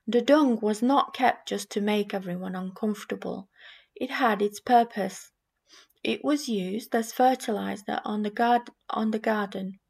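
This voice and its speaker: A woman from Romania with a Romanian accent, reading scripture and giving a sermon in a measured, reflective way. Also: medium pitch, vocal fry, darkish tone, slightly rough. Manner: measured, reflective delivery with small restarts. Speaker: preacher.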